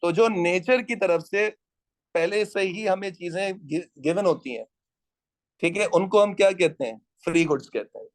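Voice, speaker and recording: A man's voice: high-pitched, moderate pace. A man teaching an economics class, lecturing and quizzing students and teasing latecomers.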